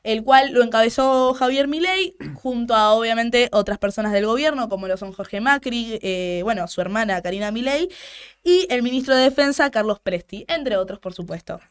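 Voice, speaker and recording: A young Argentine woman hosts a radio talk show from a studio, delivering outspoken political commentary in Argentine Spanish. She often repeats words as she restarts her sentences. Her voice is a little high and clean-toned, at a normal speed.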